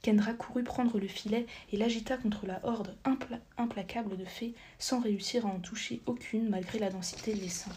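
A woman narrating a story as a whispered audiobook reading, soft and half-whispered, with occasional slips she corrects. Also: a little high, fairly even intonation, moderate pace, few pauses, slight background noise.

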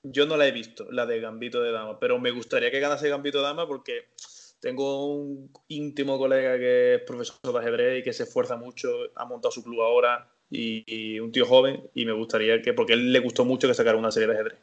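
A man co-hosting a podcast in casual chat, excitable and tripping over his words. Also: medium pitch, fast talker. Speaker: podcast co-host. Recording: dull lo-fi mic.

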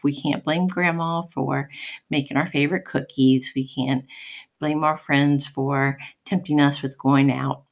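A woman hosting a solo podcast, speaking with a raspy, hoarse voice in a calm, explanatory way with the occasional um. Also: deep voice. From United States. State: hoarse from pollen. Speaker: podcast host.

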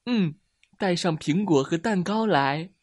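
A man voicing a kind, gentle little turtle in a children's story. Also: high-pitched, expressive, a little slow, no echo, voice pushed up. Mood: kindly. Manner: gentle, kindly. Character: warm kindly little turtle.

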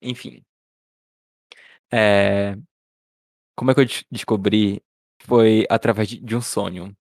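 Brazilian male podcast co-host, low voice, halting casual chat. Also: steady tone, dry recording, clean studio sound. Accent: Brazilian Portuguese. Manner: hesitant, restarts words often.

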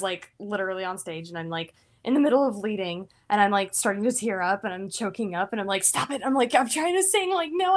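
A young woman co-hosting a podcast who leads worship, talking casually with many fillers and frequent laughs. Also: medium pitch. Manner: chatty, lots of fillers, laughs often. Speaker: podcast co-host, worship leader.

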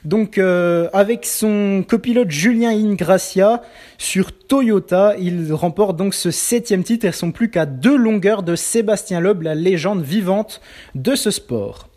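A man giving a pre-recorded sports news roundup as a weekly columnist, reading steadily with small filler pauses. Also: high-pitched, dark tone. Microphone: pre-recorded segment.

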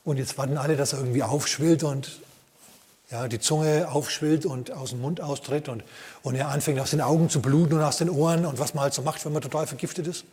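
A man's voice: a little high, fairly quick. Storytelling male pastor in a reverberant hall. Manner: lively storytelling with rhetorical asides. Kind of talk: sermon.

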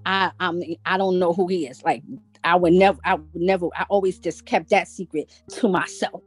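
A woman's voice: fairly low pitch, steady tone, normal speed, husky, no echo, faint music behind. A woman from Brooklyn, telling her personal story as a guest with lots of restarts. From Brooklyn, New York. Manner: rambling, many "like" and "you know" restarts.

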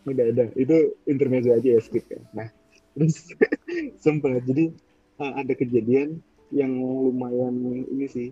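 A man's voice: mid-range voice, steady tone, normal speed, dark tone, slightly rough, lo-fi sound, faint music behind. A young man in his twenties casually telling a ghost story, rambling and searching for words. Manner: rambling, searches for words, acts out quoted voices. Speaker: podcast storyteller.

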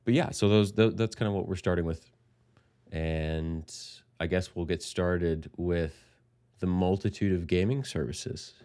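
A man's voice: sits low, steady tone, a little slow, mellow. A man hosting a casual podcast, his voice nasal and a little congested as he gets over an illness. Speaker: podcast host.

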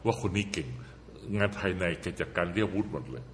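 A man with a lowish voice tells an animated story, repeating words for emphasis. He sounds like he is in a reverberant room. There is a faint hum of ambience behind him. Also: fast. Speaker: guest commentator. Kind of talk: casual political talk.

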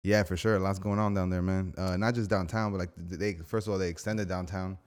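A man's voice: sits low, little pitch movement, a little fast. A man in his thirties chatting casually as a podcast guest, laid-back and slangy. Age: 30s. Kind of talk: casual interview chat.

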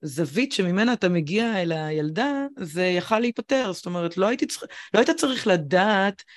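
A woman's voice: lowish voice, animated. Hesitant woman co-host, searching for words. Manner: searching for words, many pauses and fillers. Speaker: podcast co-host, educator. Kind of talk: reflective casual chat.

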